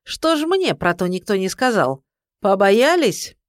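A reader voicing an old tyrant tsar, with a dry, harsh, croaking voice and a mocking, commanding way of speaking. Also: mid-range voice, big pitch swings, measured pace, no echo. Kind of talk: audiobook character voice.

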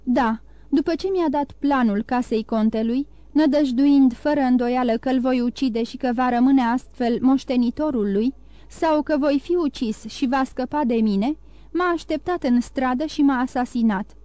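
A woman's voice: high voice, warm tone, dry recording, close to an everyday voice. A woman voicing a dying, wounded male ex-convict who pleads and gasps for help, in an audiobook reading. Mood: pleading. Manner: pleading, gasping cries for help.

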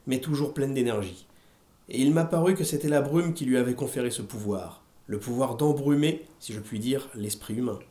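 A man co-hosting a podcast, reading a book passage aloud in a steady, deliberate way. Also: mid-range voice. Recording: echoey room.

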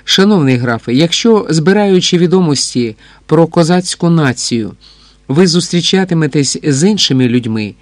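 A man reading as a proud, exiled Cossack chevalier, formal and guarded. The voice is a little high for a man. The sound is dry and close to the mic. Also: expressive, no echo, natural voice. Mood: earnest. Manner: formal, measured. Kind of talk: audiobook dialogue reading.

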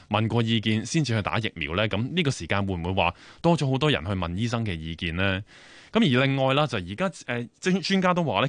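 A man with a Hong Kong Cantonese accent runs a radio phone-in show at a quick clip. His low voice is closely miked in a dry studio, and he strings his questions together with many filler particles. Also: fairly bright tone, no room sound.

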